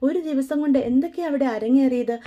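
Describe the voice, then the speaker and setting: A woman's voice: sits high, quick pace, mellow, muffled recording, close to an everyday voice. A woman voicing a young man anxiously questioning his uncle. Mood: worried. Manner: worried, questioning.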